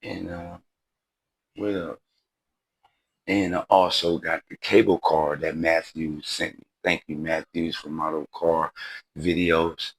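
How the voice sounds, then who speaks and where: A man's voice: low-pitched, flat delivery, takes it slowly, slightly rough, dry recording, rough recording. A man in his forties hosting a model car channel, chatting casually to viewers in a laid-back, rambling way, often saying "y'all" and "you know what I mean.". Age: 40s.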